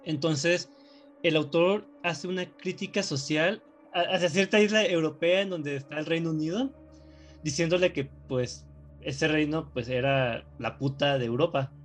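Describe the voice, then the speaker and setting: Male co-host, slightly high-pitched, chatty and joking. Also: moderate pace, faint music behind. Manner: joking, rambling explainer. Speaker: podcast co-host. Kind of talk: casual chat.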